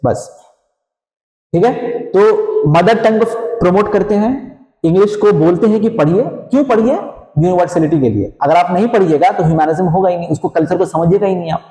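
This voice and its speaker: A man's voice: fairly high pitch, mellow. A male teacher giving a classroom lecture, mixing English terms into his explanations, asking rhetorical questions and checking in with "theek hai". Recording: echoey classroom, long reverb.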